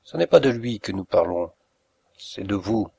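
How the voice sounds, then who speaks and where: A man voicing a cruel, mocking middle-aged villain in an audiobook reading, with a gravelly, husky voice and a slow, deliberate delivery. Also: on the low side, animated, dark tone, no echo, full character voice. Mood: gloating. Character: cruel sneering male planter, middle-aged, gloating.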